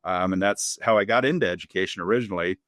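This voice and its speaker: Minnesotan man, fifties, lowish voice, dry close sound, relaxed joking interview guest. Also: fast talker, no room sound. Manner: easygoing and joking, with frequent restarts. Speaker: school superintendent, guest. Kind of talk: casual interview chat.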